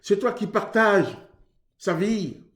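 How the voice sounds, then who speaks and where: A man's voice: high voice, takes it slowly, fairly bright tone, roomy sound. A man from Haiti preaching earnestly on marriage, in a conversational way that acts out both sides of a couple's exchange. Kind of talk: sermon on marriage.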